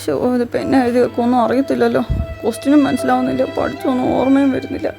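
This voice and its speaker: A woman's voice: sits high, level tone, very fast, vocal fry, over loud music. A woman playing an unprepared schoolgirl who mutters worriedly to herself during an exam. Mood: panicky.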